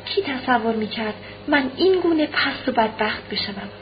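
Brief: a woman voicing a proud, despairing young noblewoman, soft and low-key, fairly high voice, muffled audiobook recording. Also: lively intonation, faint music behind, natural voice. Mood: sorrowful. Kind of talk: audiobook reading.

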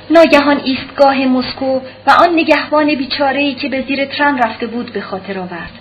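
A woman narrating a novel as an audiobook, reading in a measured, dramatic way. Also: a little high. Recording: dull old tape, faint hiss.

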